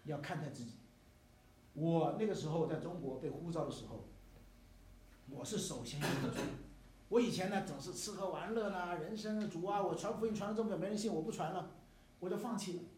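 A man's voice: sits high, fairly quick, a little mellow, a little hiss or hum. An older man preaching a sermon as pastor, emphatic, with many rhetorical questions to the congregation. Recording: echoey hall, mic at a distance.

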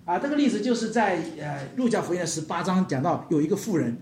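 Lively high-voiced male preacher. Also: fast talker, slight background noise. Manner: animated, acts out quotes, addresses the congregation directly. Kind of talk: sermon. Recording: roomy hall echo.

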